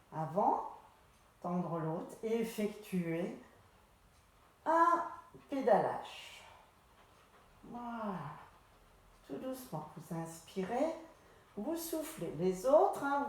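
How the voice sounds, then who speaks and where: Slow, calm woman cueing a pilates class. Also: medium pitch. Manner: calm step-by-step cueing of breath and movement. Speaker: pilates instructor. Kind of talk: guided exercise class instruction. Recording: echoey room.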